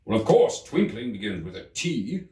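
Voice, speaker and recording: A man voicing an irritable, bossy king presiding as judge, sharp and commanding, in a storybook reading. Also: fairly low pitch, very animated, moderate pace. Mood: angry. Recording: roomy, slightly distant microphone.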